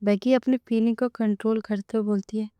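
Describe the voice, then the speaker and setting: Woman, story narrator, scripted romance reading, smooth, dry close recording. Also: on the high side, steady tone, brisk, warm tone, no echo.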